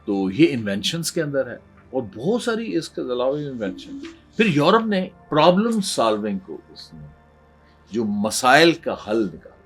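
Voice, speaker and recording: A male professor, lecturing in an animated storytelling way with fillers and restarts. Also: mid-range voice, slightly rough. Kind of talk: lecture on creativity. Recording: faint background music.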